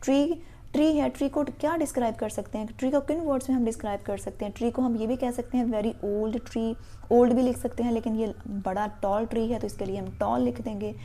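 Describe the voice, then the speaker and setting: Mellow-voiced woman teaching a lesson. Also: a little high, steady tone. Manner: explains in Hindi, slows down to read English sentences word by word; checks in with the class often. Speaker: English teacher. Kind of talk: classroom lesson explanation.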